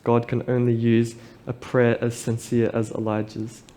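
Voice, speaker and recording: A man preaching a sermon at a pulpit microphone, reading scripture aloud and reflecting on it in a measured, earnest way. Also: medium pitch, completely flat delivery, dark tone.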